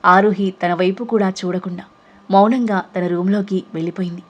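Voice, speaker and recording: A woman narrates a serialized audio novel in a steady storytelling voice. She holds an even, measured pace from one line to the next. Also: mid-range voice, dull audio.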